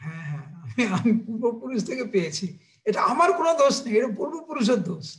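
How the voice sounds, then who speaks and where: Man playing a weepy small boy in a sermon tale, innocent, pleading, high voice. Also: sing-song, quick pace, full character voice. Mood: naive. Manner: pleading, naive excuses. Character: frightened tearful little boy, innocent.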